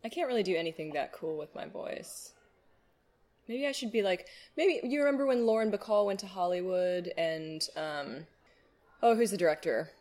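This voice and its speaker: A woman's voice: fairly low pitch, lively intonation, normal speed, a little mellow. A woman chatting casually as an interview guest, playful, slangy and given to rambling. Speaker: festival guest being interviewed, poet. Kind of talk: casual chat.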